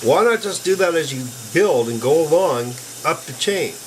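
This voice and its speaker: A man's voice: a little high, moderate pace, a little hiss or hum, rough recording. Folksy older man talking through a build. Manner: folksy, chatty, with bursts of excitement. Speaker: PC repair hobbyist. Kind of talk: casual hands-on tutorial narration.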